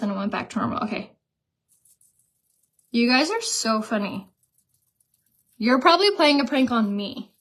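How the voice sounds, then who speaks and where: A woman's voice: a little high, fairly bright tone. A young woman hosting a live stream, chatting casually and giggling while she sells makeup.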